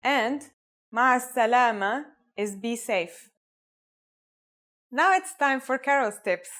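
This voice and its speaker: A young woman reading a scripted language lesson in a measured way, carefully pronouncing and repeating each phrase. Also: a little high, animated, a bit bright. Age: young adult.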